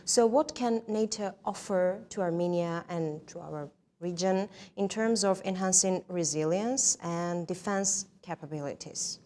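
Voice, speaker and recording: A woman's voice: on the low side, darkish tone. Woman asking formal interview questions. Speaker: interviewer, host.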